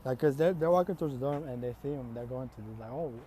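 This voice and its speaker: A man's voice: mid-range voice, quick pace, mellow, a little hiss or hum. A man casually telling an improvised fan story, rambling and profane with many fillers.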